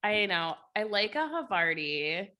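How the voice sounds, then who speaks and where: A woman's voice: mid-range voice, sing-song, a little slow, sharp tone. A woman from North Dakota in her thirties, a podcast guest chatting casually and giggling about food. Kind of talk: casual chat.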